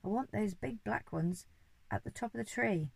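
A woman voicing a grumpy, rich old duke who shouts and blusters, in a storybook reading. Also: mid-range voice, normal speed, vocal fry, breathy edge, no room sound, voice pushed up. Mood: demanding.

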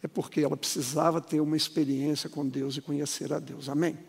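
A man's voice: fairly high pitch, flat delivery, fairly quick, gravelly, slightly rough. A man, preaching a sermon and telling a story in a dramatic, swooping way, heard in a long reverberant hall. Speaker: pastor.

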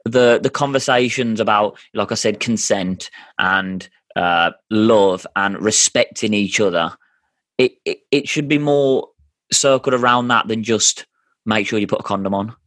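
A man's voice: mid-range voice, no echo, studio quality. A man in his thirties hosting a casual family chat, earnest and often restarting his sentences. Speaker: podcast host.

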